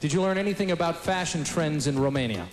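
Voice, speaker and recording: A man's voice: on the high side, quick pace. A man interviewing contestants live on stage as a pageant host. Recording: echoey stage, loud music and crowd.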